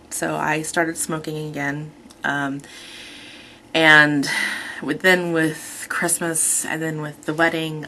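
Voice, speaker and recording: A woman's voice: low voice, bright, forceful tone, a little hiss or hum. A woman in her thirties talking casually in a rambling, chatty personal vlog, often correcting herself. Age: 30s. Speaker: vlogger.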